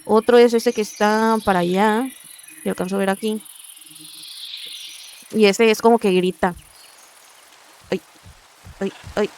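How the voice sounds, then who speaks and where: Girl chatting over her game, mid pitch, kinda mumbly, background noise. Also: fairly even intonation, unhurried, long pauses, a little mellow. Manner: chatty, often murmuring to herself. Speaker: gaming video creator. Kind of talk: casual gameplay commentary.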